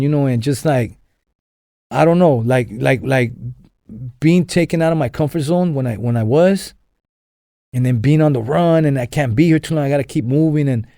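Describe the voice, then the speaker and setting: Recorded dry with studio quality, a young man's slightly high, mellow voice tells a story on a podcast. The Los Angeles guest rambles casually, often restarting and using fillers.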